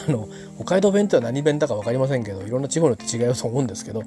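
A man's voice: mid-range voice, expressive, racing, music in the background. A man telling a casual anecdote in a rambling way, full of fillers and restarts.

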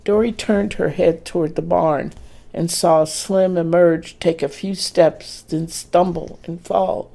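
Casting: male narrator for a romance audiobook, slow, gravelly, measured. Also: a little high, steady tone, warm tone. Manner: measured, plain storytelling. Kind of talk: scripted narration of a romance story.

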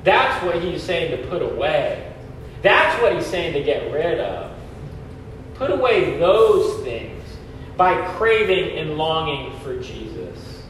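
A man's voice: on the high side, very animated, slow pace, a bit bright. A middle-aged man preaching as a pastor in an emphatic, colloquial, exhorting manner, his voice echoing like in a cathedral. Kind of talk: sermon. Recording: echoey church, distant mic, faint noise.

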